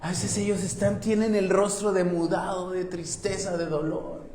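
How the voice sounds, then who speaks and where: A man with a Mexican accent preaching a sermon as pastor, moving between loud emphatic passages and soft hushed ones. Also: high-pitched, flat delivery, moderate pace, reverberant, a little hiss or hum. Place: church.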